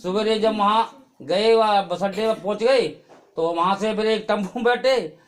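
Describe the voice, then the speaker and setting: A high-voiced middle-aged man shares a testimony at a church gathering. He tells it like a chatty story and often checks in with his listeners with a tag question. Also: moderate pace. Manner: chatty storytelling with frequent "hai na" tags. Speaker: church member giving testimony. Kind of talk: spoken testimony at a prayer meeting.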